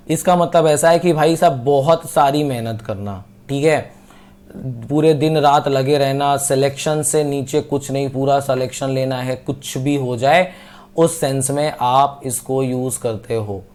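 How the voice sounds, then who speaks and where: A young man teaching English idioms in a casual online coaching lesson, chatting with viewers and slowing down to read example sentences. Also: a little high, a little mellow. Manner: chatty, addresses viewers as bhai sahab, slow when reading English examples.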